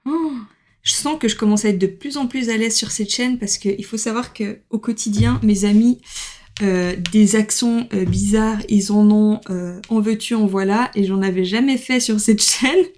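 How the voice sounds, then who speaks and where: A woman's voice: medium pitch, moderate pace, a little mellow. A woman giving a casual tarot reading to camera, chatty, with many fillers and laughs. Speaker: tarot card reader.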